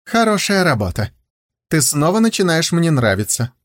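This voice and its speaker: Man voicing tiger spirit, volatile, roaring, high, husky, swinging pitch. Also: big pitch swings, moderate pace. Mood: mocking. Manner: roaring, menacing.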